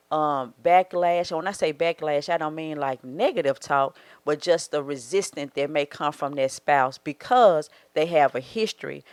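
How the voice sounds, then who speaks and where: Speaking in a deep voice with no echo, this Southern marriage coach in her forties offers sincere guidance during relaxed faith-centered podcast talk. She voices quoted thoughts as she goes, recorded dry and close.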